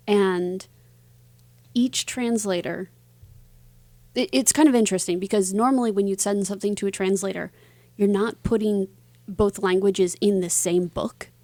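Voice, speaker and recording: A woman interviewed as an author answers conversationally, reflecting as she goes, her phrasing halting. Her voice is mid-range and a little mellow, and the recording is dry.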